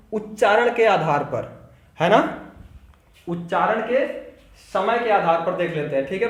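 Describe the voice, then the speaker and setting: In a classroom lecture on Hindi grammar, a man with a high-pitched voice poses questions to the class and then answers them himself. He repeats key terms slowly, and the sound is roomy.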